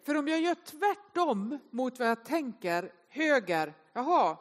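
A woman gives a humorous Sunday sermon, speaking with a somewhat high voice. She tells self-mocking stories in an animated way and talks straight to the congregation. Her voice rings out with a long reverb through a large church hall. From inland northern Sweden.

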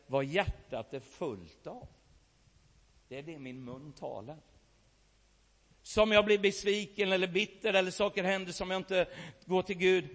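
A male preacher with a somewhat high voice delivers an emotional sermon. He moves from loud, pressing outbursts to near-whispered, solemn lines. His voice rings out in a church hall with a long reverb. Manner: emotional storytelling, swings from loud to hushed.

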